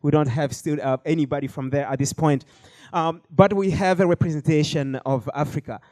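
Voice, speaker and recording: A man's voice: a little high, fairly quick, a little mellow, dry recording. A man hosting a panel discussion, speaking with frequent hesitations and fillers. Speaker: host.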